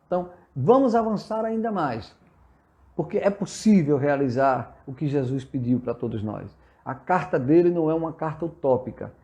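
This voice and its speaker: Brazilian male preacher on a livestream, higher-pitched and earnest, exhorting listeners while answering comments. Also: expressive, moderate pace, mellow. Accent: Brazilian Portuguese. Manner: earnest and exhortative, reads out viewer comments and replies. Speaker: spiritist preacher hosting a live session. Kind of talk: live sermon-style talk answering viewer comments. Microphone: livestream from a phone or computer.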